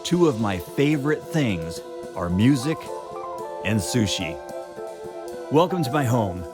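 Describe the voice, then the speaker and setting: Guy from japan hosting the show, upbeat scripted intro, really animated voice, music loud underneath. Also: slow. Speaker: host. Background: loud bass and guitar music.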